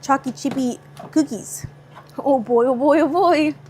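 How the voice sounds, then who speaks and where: Cooking live in her home kitchen, a bubbly young Southern Californian woman answers chat, moving easily between viewer comments and talk about the food. She speaks at a measured pace in a bright, high voice with a light Californian accent, over a faint hum of the room.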